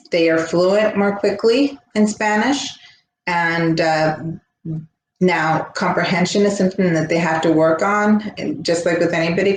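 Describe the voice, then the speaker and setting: A woman with a fairly low voice explains her lesson step by step, often pausing to ask "right?" as she goes. She sounds like she is in an echoey room with a faint hum behind her. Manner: explanatory, frequent "right?" check-ins. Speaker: teacher educator. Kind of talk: recorded lecture.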